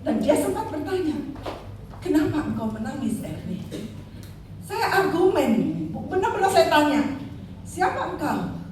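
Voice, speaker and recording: Preaching in a church hall, an older woman evangelist shares personal testimony in an emphatic Christmas sermon, calling her listeners "saudara." Her high-pitched, a little mellow voice has big pitch swings and is unhurried with long pauses, heard distantly with echo, faint ambience, and a little hiss or hum.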